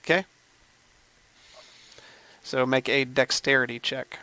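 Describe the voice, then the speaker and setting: A man running a tabletop game as game master, describing scenes in an unhurried, descriptive way. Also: medium pitch, fairly even intonation, pushed and bright, smooth.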